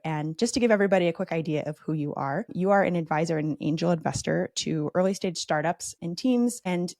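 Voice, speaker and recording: Low-voiced upbeat woman host. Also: darkish tone, no echo, studio quality. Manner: upbeat, enthusiastic, many "super" and "right?". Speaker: podcast host. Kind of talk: interview introduction and questions.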